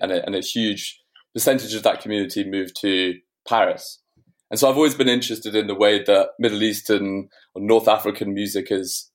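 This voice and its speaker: A man who runs a record label, answering interview questions in a casual, rambling way, with frequent restarts and fillers. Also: fairly low pitch. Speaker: record label owner, guest.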